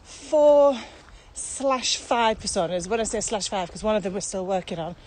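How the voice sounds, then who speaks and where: A woman with a medium-pitched voice speaks at a moderate pace as she co-hosts a podcast, chatting casually and thinking aloud. She's walking outdoors across open fields, and the recording carries steady outdoor ambient noise.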